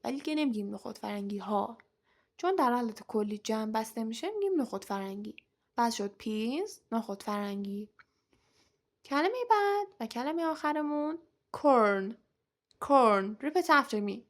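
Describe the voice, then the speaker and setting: Bright-voiced woman teaching English words. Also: fairly high pitch. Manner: says each English word slowly and clearly, then repeats it; explains quickly in between. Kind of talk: vocabulary lesson, teaching words aloud.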